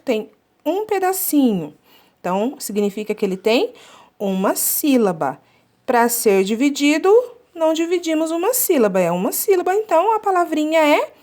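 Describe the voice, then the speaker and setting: A woman's voice: high-pitched, darkish tone. A woman teaching a children's lesson, drawing words out syllable by syllable and often checking in with her class. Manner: slow, drawn-out syllable counting.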